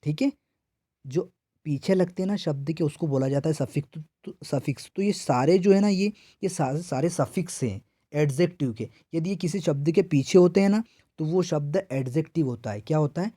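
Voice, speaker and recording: A teacher from India walks students through grammar for an entrance exam. He fires off questions and answers them himself, again and again. His voice sits a little high but sounds mellow, and it is recorded close and dry. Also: moderate pace, dry recording. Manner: repetitive call-and-response questioning. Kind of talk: exam prep lesson.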